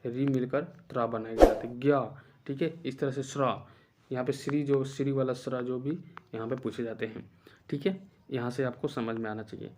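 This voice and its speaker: Male tutor, exam-prep grammar class, mid pitch, repeats and quizzes the listener as he goes. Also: fairly even intonation, normal speed, background noise. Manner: repeats points and asks rhetorical questions to drill students. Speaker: teacher.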